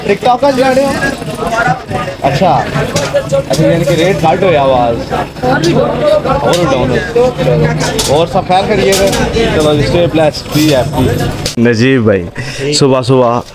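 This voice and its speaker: A young man with a Pothwari Punjabi accent, vlogging casually as he walks a market and greets shopkeepers. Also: high-pitched. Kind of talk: casual walking vlog chat. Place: busy outdoor bazaar. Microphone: handheld camera at arm's length. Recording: crowded street noise. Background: crowd chatter and street noise.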